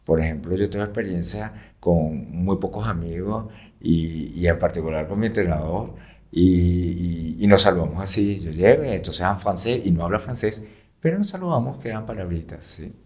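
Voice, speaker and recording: A man's voice: deep voice, normal speed, warm tone. A man who teaches French, explaining patiently in an interview, with frequent fillers and checks like "right?".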